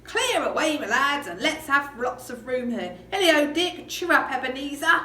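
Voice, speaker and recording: A woman reading aloud as a boisterous, merry old male boss, with loud, hearty exclamations. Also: sits high, big pitch swings, normal speed, pitched above the performer's own voice, exaggerated voice. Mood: jolly. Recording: roomy, distant mic, background noise.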